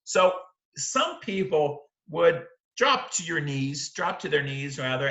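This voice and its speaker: Lecturing on literature close to his webcam, this middle-aged teacher explains things emphatically, throwing in rhetorical questions and check-in tags. His voice is medium in pitch, gravelly and slightly bright, and the indoor recording sounds roomy and echoing.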